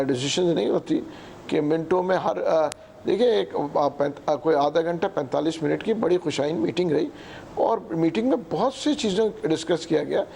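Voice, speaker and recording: Halting older man with a dark voice. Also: sits high, a little hiss or hum. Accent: Pakistani Urdu. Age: 60s. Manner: halting, full of fillers and restarts, clears throat often. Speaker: politician guest. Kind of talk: hesitant interview answers.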